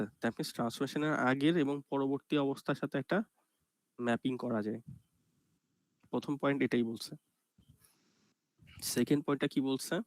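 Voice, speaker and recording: A man's voice: mid-range voice, no echo. A man giving an online computer graphics lecture, explaining step by step and checking in with students. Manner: explains step by step, often asks "ঠিক আছে?"; speaks softly and slowly on purpose.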